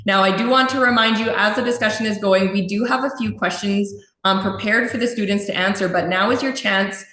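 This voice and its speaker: A woman's voice: mid-range voice, brisk, fairly bright tone. A woman hosts a live online panel and keeps her talk chatty, with plenty of filler words. Her voice sits in a middle range. A roomy echo hangs around everything she says. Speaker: host. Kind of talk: event hosting.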